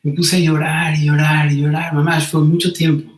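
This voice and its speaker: A man's voice: fairly high pitch, level tone, moderate pace. Earnest man telling a personal story. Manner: earnest, emotional, with frequent restarts and repetition. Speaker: interview guest. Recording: roomy echo.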